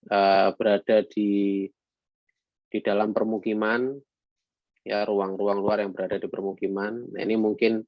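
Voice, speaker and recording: A man with a low, gravelly voice gives a lecture, pausing often and filling gaps with hesitant sounds. He slips into read-out English phrases now and then. The sound is dull and lo-fi, in a dry room with no echo. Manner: halting, many fillers, mixes in read English phrases. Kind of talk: online lecture.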